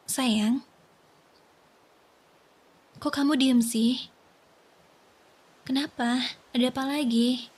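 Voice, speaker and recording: A woman voicing a soft, breathy worried young wife. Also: a little high. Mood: confused. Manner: gentle, coaxing, pleading. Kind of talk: whispered role-play.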